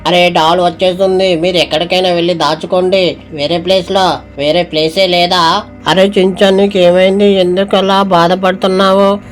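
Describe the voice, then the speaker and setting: Excitable man narrating a game. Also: sits high, moderate pace, faint music behind. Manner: excitable, many exclamations. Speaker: gameplay narrator. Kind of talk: excited gameplay commentary.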